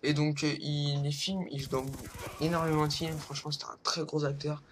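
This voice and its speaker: A man's voice: fairly high pitch, little pitch movement, moderate pace, a little hiss or hum. A young man hosting a casual countdown vlog, hesitant, with lots of fillers and rambling asides. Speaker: vlogger. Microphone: low-quality home recording.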